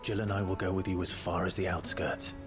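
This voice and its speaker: A man's voice: low-pitched, little pitch movement, fairly quick. A man playing a stoic, courteous mercenary hero in a video game, speaking in an earnest, restrained way. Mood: calm, firm. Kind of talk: video game drama acting. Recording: game music behind.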